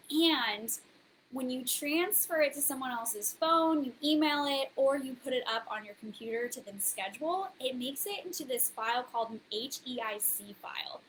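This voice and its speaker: A woman's voice: on the high side, fairly bright tone, a little hiss or hum, poor audio. A woman hosting a casual live stream of marketing tips, chatty and bubbly with many fillers, a little out of breath. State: slightly out of breath. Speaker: host. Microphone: webcam on a social media live stream.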